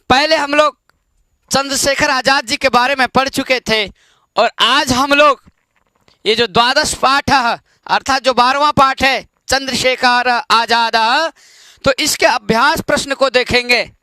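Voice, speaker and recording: A man teaching an online Sanskrit lesson, explaining each word slowly and checking in with his students. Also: very high-pitched, sharp tone, smooth, no echo. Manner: slow, explains word by word with repeated check-ins.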